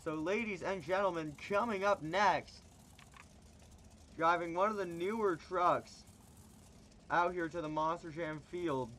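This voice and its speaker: A man's fairly bright voice carries hyped commentary for a monster truck show, booming and drawing out each call like an arena announcer, though it's going hoarse. Slight background noise is present.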